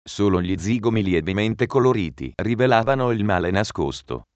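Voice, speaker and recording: A man reading a novel aloud in measured, even narration. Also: fairly low pitch, no room sound. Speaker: audiobook narrator. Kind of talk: scripted narration. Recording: dry, muffled recording.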